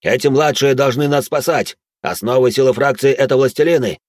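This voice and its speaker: A man's voice: a little fast, darkish tone, dry recording, studio quality, close to an everyday voice. A man voicing a cowardly male lord in an audiobook who pleads and shrieks in panic. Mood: hysterical. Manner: shrill, pleading, hysterical.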